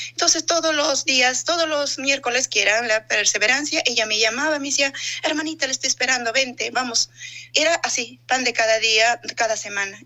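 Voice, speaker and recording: A woman's voice: a little high, bright, forceful tone. A middle-aged woman giving an earnest personal faith testimony, telling her story and often calling her listener brother. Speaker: testimony speaker.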